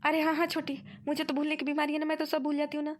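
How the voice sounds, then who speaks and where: Cartoon, woman playing older woman faking memory loss, high voice, complaining. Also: completely flat delivery, very fast, close to an everyday voice. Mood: indignant. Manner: complaining, whiny. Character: aging woman who fakes forgetfulness. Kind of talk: cartoon voice acting.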